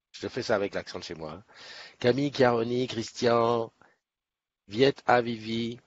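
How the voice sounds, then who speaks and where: A chatty man hosts a morning live stream, upbeat and friendly as he greets viewers by name. His voice sits fairly low with a husky edge, and the stream audio sounds dull and lo-fi. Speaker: livestream host. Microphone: webcam setup.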